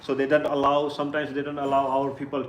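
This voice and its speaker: A man's voice: mid-range voice, monotone, fast, a little hiss or hum. A man, leading a tour and briefing his group in an earnest, repetitive way. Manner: earnest, repeats "like this kind of things". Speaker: tour leader. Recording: echoey room, faint ambience.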